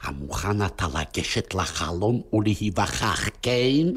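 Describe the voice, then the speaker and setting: A man's voice: on the low side, expressive, slightly rough. An actor playing a pompous, agitated man who bullies and demands an answer in an old comic sketch. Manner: pompous, insistent. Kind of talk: 1960s comic radio sketch.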